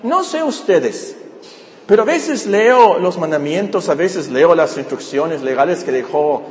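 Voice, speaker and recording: A man preaching a sermon to a congregation, animated and often asking them questions. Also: fairly high pitch, unhurried. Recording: echoey hall with long reverb.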